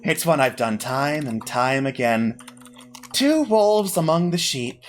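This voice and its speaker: A man's voice: mid-range voice, animated, slow pace, slight background noise, voice pushed down. A man voicing a smug, bored villainess in a tabletop game, with a taunting, politely condescending manner. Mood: smug, amused. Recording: background music under the voice.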